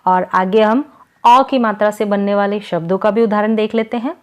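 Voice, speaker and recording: A woman teaching a reading lesson, slowly spelling out syllables and example words one at a time. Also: mid-range voice, steady tone, a little mellow, clean tone. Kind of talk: slow, careful Hindi vowel-sign lesson.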